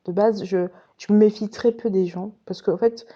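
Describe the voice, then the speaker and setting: A woman's voice: mid-range voice, steady tone, normal speed, dark tone, dull audio. A woman casually telling a personal story to her viewers, chatty and direct. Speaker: vlogger recounting her past.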